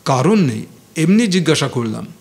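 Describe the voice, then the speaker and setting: A man's voice: on the high side, big pitch swings, normal speed, darkish tone. A man doing a shy, sheepish young student.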